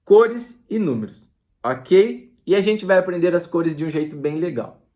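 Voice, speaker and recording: Guy teaching english, talks slow, stretches out the words, kinda high voice. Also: dark tone. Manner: slow, drawn-out word drills, chatty asides. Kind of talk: casual online lesson.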